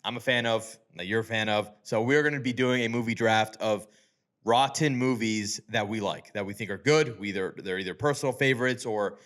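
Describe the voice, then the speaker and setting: A man's voice: on the low side, a little fast, a bit bright. Laid-back young man hosting a chat. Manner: loose, filler-heavy, laughs often. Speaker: podcast host. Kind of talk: casual chat.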